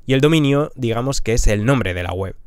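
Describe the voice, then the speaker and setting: A man, a travel vlogger telling his own story in a punchy, lively way with rhetorical questions, recorded in a small camper van on a stand mic. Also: medium pitch, brisk, clean tone, no room sound, clean studio sound. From Spain. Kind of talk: storytelling monologue. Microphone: podcast mic on a stand.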